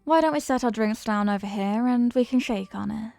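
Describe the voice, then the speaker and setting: In an intimate audio roleplay, a woman plays a playful, flirty stranger at a New Year's party, murmuring in a coy, teasing way that sounds hopeful. Her voice is a little high, slightly fast, creaky and mellow, with soft music behind her.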